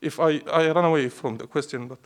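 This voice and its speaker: Fairly quick and steady in tone, this high-leaning male voice belongs to a Syrian poet with a Syrian Arabic accent and Arabic as his native language. During a live interview he tells reflective stories, answering in short, emphatic, declarative phrases.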